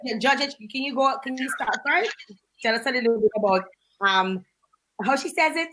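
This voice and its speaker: Playful higher-voiced woman co-host. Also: normal speed, a bit bright, slight background noise, low-quality recording. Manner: playful and teasing. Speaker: radio talk show co-host. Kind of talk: casual radio chat.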